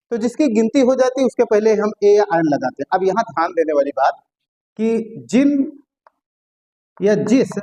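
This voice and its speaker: A man teaching a casual grammar lesson, who repeats words and drawn-out vowel sounds to show them, often checks whether listeners follow, and drops blunt, joking asides. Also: high-pitched, a little mellow, poor audio. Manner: chatty asides with blunt colloquial humor.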